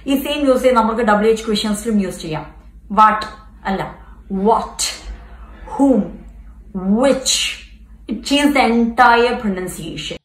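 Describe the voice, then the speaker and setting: A woman from Kerala with a Malayali accent, teaching English pronunciation and modelling each word slowly and deliberately. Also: on the high side, lively intonation. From Kerala, India. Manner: slow, deliberate modelling of words. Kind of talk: bilingual pronunciation lesson. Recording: echoey room.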